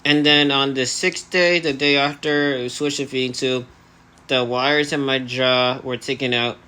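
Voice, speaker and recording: Male, 18, medium pitch. Earnest, hesitant personal vlogger, articulation a little restricted at the jaw. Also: steady tone, a little slow, bright, forceful tone, clean tone. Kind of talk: personal vlog monologue to camera.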